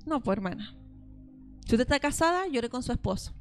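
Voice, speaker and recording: Faint music plays behind a Chilean woman in her thirties whose voice sits on the high side, animated and a little fast. She preaches a testimonial sermon to a women's church group, recounting stories and addressing the listeners as sisters.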